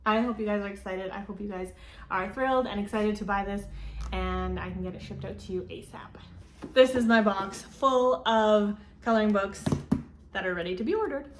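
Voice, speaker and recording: A woman's voice: mid-range voice, normal speed, slight background noise. A woman chatting casually through a book haul, rambling with frequent ums and likes, filmed as a phone video. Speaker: book vlogger. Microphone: phone camera. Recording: roomy phone recording, faint ambience.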